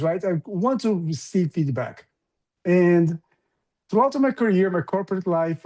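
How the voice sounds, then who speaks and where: Speaking as a guest, this Brazilian founder of a recruiting business is enthusiastic and conversational, dropping fillers often. Middle-aged, with Portuguese as his first language and a Brazilian accent, he has a fairly high, slightly mellow voice.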